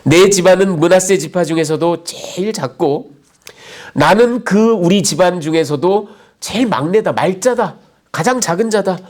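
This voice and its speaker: A man's voice: high-pitched, normal speed, a little mellow, lightly acted. A pastor voicing a fearful young man who protests and complains in a raised, indignant tone. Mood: self-pitying.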